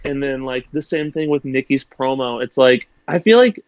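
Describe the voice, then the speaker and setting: A man's voice: mid-range voice, expressive, normal speed, no echo. A man co-hosting a casual wrestling recap podcast, rambling with lots of "like" fillers and blunt opinions. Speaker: podcast co-host. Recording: slightly muffled dry recording.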